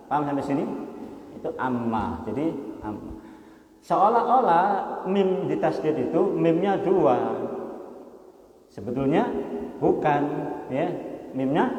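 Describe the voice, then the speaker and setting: In a mosque hall with echoey reverb, a man leads a Quran study lesson, explaining things patiently, posing frequent rhetorical questions to his listeners and slowly chanting verses. His voice is slightly high with a darkish tone.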